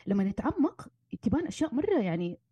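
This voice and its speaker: Woman, family therapist, husky breathy voice, dry close sound. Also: a little high, fast, dry recording. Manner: animated, acts out arguments, mixes in English terms. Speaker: marriage and family therapist guest. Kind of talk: casual advice conversation.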